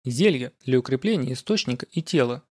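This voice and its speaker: Narrator voicing a calm, gently teasing scholar friend; unhurried, near his own voice. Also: medium pitch, lightly acted. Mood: warm. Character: calm, teasing older male scholar comrade.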